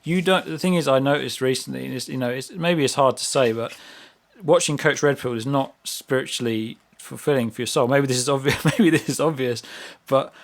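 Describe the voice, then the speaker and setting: A man's voice: mid-range voice, fairly quick. A man who is a guest on a casual podcast chat, musing aloud in loose analogies.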